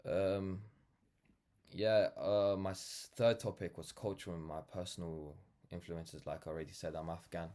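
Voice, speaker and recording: With a low, warm voice at normal speed and a level tone, this nineteen-year-old Londoner reflects casually to camera. A vlogger and brand founder, he rambles earnestly and keeps reaching for "like" and "you know."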